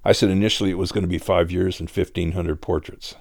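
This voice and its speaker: An older man, a portrait artist, speaking slowly and quietly with heartfelt reflection in an interview. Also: low voice, steady tone, gravelly, no room sound, studio quality.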